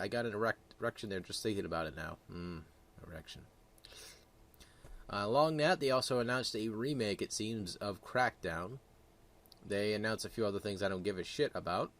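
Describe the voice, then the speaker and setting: A man giving casual, opinionated gaming commentary in a crude, blunt, rambling way, often correcting himself. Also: fairly low pitch. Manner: rambling, self-correcting delivery.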